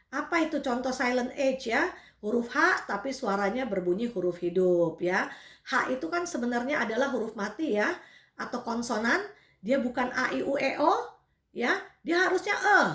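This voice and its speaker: A woman teacher gives a patient language lesson, sounding out each example word slowly and clearly. Her voice sits high and moves a lot. The room around her is echoey. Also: fairly bright tone. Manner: explains patiently, drills words slowly and clearly. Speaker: English teacher. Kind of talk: language lesson with repeat-after-me drills.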